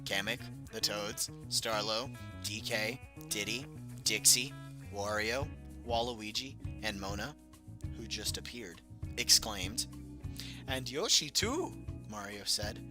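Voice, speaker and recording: A young man reads aloud from a book he wrote as a child, with music playing behind him. His voice is fairly low and fairly even, and he goes slowly, breaking off into rambling, self-mocking asides in a casual read-through with commentary.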